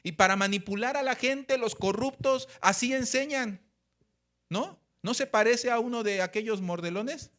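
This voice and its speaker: A man's voice: extremely high pitch, normal speed. A man with a Mexican Spanish accent preaching a sermon as pastor, telling stories with acted-out dialogue and asking his congregation for agreement. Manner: animated storytelling, acts out quoted dialogue.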